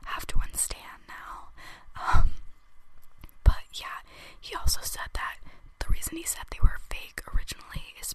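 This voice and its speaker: A young woman hosting a podcast, whispering close to the mic in a casual, self-deprecating gossip style with lots of filler words. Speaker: podcast host. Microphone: close studio mic, tapped at times.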